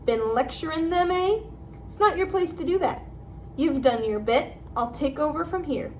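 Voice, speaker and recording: Woman doing a gruff male gamekeeper, blunt, kindly, storybook, raised pitch, distant mic. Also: animated, normal speed, slight background noise. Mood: stern. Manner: growling, blunt.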